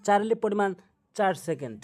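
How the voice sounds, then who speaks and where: A man with a Bangladeshi Bengali accent teaching Quran recitation, explaining pronunciation step by step and repeating sounds slowly. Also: high voice, very animated, a little mellow.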